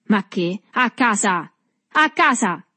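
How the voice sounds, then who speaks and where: A woman voicing a red-faced, jovial man who gets loud and agitated, read as an audiobook. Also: fairly low pitch, steady tone, moderate pace, slightly rough, no room sound. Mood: shouting. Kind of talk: audiobook reading.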